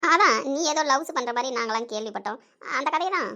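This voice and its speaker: A woman's voice: sits high, lively intonation, fast, pushed and bright, lo-fi sound, exaggerated voice. A woman voicing a blunt, teasing older village mother in an amateur audio drama. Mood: scolding, teasing.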